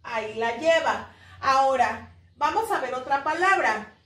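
A Mexican woman teaching a primary school class online, drawing out words slowly to mark the stressed syllable. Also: high-pitched, lively intonation, a bit bright. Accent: Mexican Spanish. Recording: echoey room, voice a little far from the mic.

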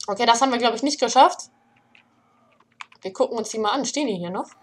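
A young woman hosting a let's play, commenting casually and shouting in panic when things get scary. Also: fairly high pitch, fast talker, breathy edge. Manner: excitable, panicky shouting during scares.

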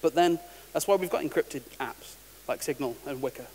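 A man's voice: fairly high pitch, normal speed, a little mellow, slightly rough. Wry man giving a conference talk. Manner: casual and wry, restarts words. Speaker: conference speaker. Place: large conference hall. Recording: reverberant hall with faint hiss.

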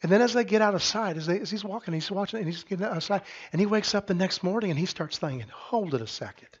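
A middle-aged pastor preaching a sermon, telling the story with lively acted-out voices that swing from quiet asides to loud cries. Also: male voice, high-pitched, rapid-fire, breathy edge, muffled recording. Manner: animated storytelling, acting out voices and rising to shouts. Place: church sanctuary.

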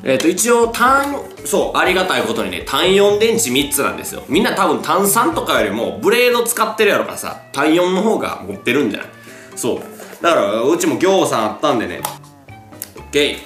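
A man's voice: on the high side, very animated, fast talker, a bit bright, reverberant, faint music behind. A man vlogging in Kansai dialect, showing off a toy in a chatty, playful way with frequent laughs. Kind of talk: casual product showcase vlog.

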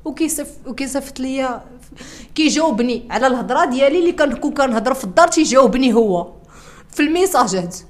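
Her voice is high-pitched, expressive and fast. This young adult interviewee, who has a Moroccan Arabic accent, shares a distressed personal testimony full of repetition and restarted sentences.

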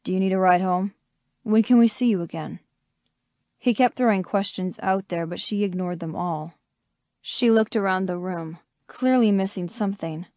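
A woman's voice: mid-range voice, a little mellow, no echo. Woman narrating an audiobook, dry. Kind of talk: scripted first-person narration.

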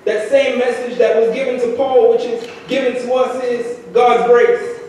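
A man's voice: extremely high pitch, level tone, moderate pace, darkish tone, slight background noise. A young man preaching a sermon from the pulpit, with rhythmic repeated phrases that swell into sung climaxes. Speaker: lay preacher. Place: large church sanctuary. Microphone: handheld mic at pulpit. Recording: echoey church from far off.

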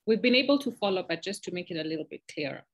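A woman's voice: fairly low pitch, lively intonation, rapid-fire. A woman moderator speaking over conference call audio, politely and hesitantly breaking in to help a speaker. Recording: muffled, distant call audio.

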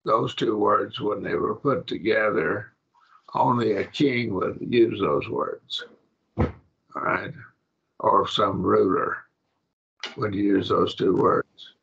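A man teaching a Bible Greek class, halting and repeating himself, often checking that the class follows. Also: lowish voice, creaky, fairly bright tone, husky, highs cut off. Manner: halting, repeats words, asks the class if it makes sense.

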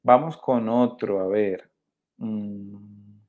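A man's voice: on the low side, steady tone, drawn-out words, narrow, tinny audio. A man with a Colombian Spanish accent teaching a live virtual sign language workshop, explaining patiently and often checking for understanding, recorded on a webcam indoors.

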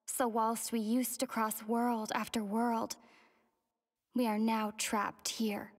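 A young travelling heroine telling her story in a video game. The voice is somewhat high, soft and measured, wistful but determined. A long reverb trails it. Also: flat delivery. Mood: wistful, resolute.

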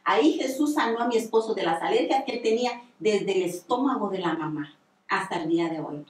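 A woman with a mid-range voice and lively intonation speaks a little fast as she gives an earnest religious testimony, repeating points many times. She's in a radio studio, recorded from a distance in an echoey room.

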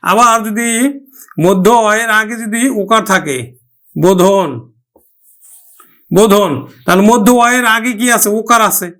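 A man's voice: high voice, fairly even intonation, pushed and bright. A man teaching a pronunciation lesson, sounding out words syllable by syllable and asking and answering his own questions. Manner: slow, drawn-out syllable-by-syllable modelling of words.

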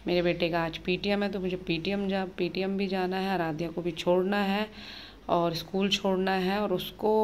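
Thirties mom doing a daily vlog, lowish voice, kinda monotone, rushing through her morning story. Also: slight background noise. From Uttarakhand, India. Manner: hurried, chatty retelling of her morning. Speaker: vlogger, mother of two. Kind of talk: casual daily vlog narration.

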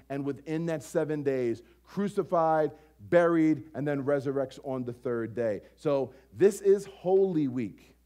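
An American pastor preaches a sermon from a lectern on an indoor church stage, emphatic and leaning on repetition and rhetorical questions. His voice is fairly high in pitch with a warm tone.

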